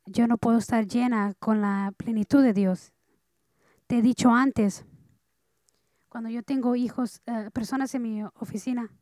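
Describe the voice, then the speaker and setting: A woman pastor preaching a sermon earnestly, dropping soft and then rising loud. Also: on the high side, no echo.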